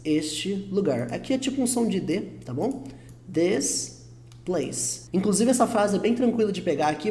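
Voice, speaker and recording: A man with a Brazilian Portuguese accent leads an online English lesson in a mellow, warm voice. He talks patiently and reassuringly, slowing down to repeat each example. The recording carries a noticeable roomy echo. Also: a little high. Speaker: English teacher.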